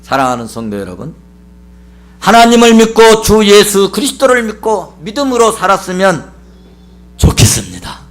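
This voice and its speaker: A male pastor delivers a sermon in a high voice that swoops up and down with lively emphasis. He presses his points through repetition and rhetorical questions. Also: normal speed.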